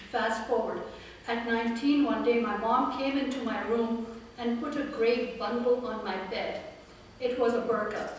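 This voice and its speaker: A woman's voice: fairly high pitch, slight background noise. Woman, 50s, candidate at a forum; earnest with dry humor; recorded from far off in an echoey room. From India and Pakistan. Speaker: political candidate. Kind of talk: campaign speech.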